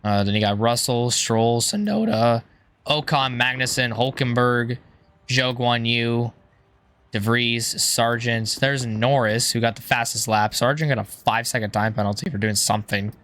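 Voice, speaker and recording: A man with a hoarse, strained voice giving casual, rambling gameplay commentary, thinking aloud in an informal way. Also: mid-range voice, moderate pace, a bit bright. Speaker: gaming YouTuber.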